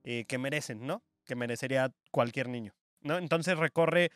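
A man's voice: medium pitch, moderate pace, a bit bright, no echo, studio quality, soft background music. A man with a Mexican Spanish accent co-hosting a podcast, rambling and poking fun at himself in casual chat. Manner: rambling, self-mocking, laughs often. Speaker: podcast co-host.

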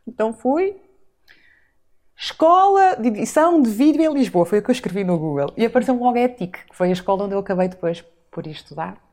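A woman's voice: medium pitch, animated, fast, a little mellow. A woman in her forties from the Azores, telling her life story as a guest in a casual interview, reflective and full of rhetorical asides. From Azores, Portugal. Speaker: podcast guest.

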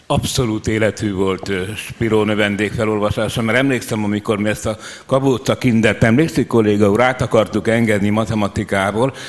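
A man with a somewhat low voice tells a playful anecdote in a mock-pedantic, teacherly manner. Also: steady tone, hardly any pauses, slight background noise.

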